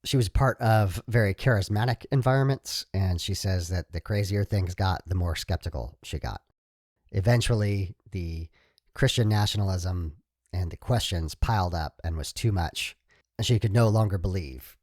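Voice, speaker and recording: A man hosting a podcast, reading a scripted introduction and announcements in a steady, announcer-like way. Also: sits low, normal speed, no room sound, studio quality. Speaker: podcast host.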